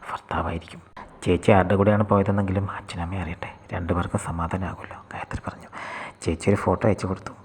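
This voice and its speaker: A man narrating a scripted short story in a soft, half-whispered delivery. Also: sits low, little pitch movement, quick pace, breathy edge.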